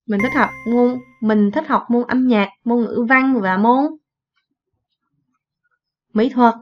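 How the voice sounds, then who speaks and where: A woman's voice: a little high, steady tone. A woman teaching an English lesson, reading phrases and repeating them in translation. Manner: explains slowly, repeats in translation. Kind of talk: bilingual classroom lesson. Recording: dull lo-fi recording.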